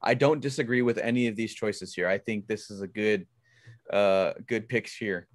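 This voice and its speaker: A young man co-hosting a casual sports podcast, excitable and quick to exclaim, often restarting his sentences. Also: on the low side, dry recording, clean studio sound. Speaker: podcast co-host.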